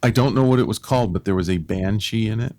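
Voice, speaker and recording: A middle-aged man co-hosting a podcast, telling stories in a lively, casual way and laughing at his own tales. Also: lowish voice, quick pace. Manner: animated storyteller, laughs at own tales, many restarts. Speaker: podcast co-host. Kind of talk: casual storytelling chat.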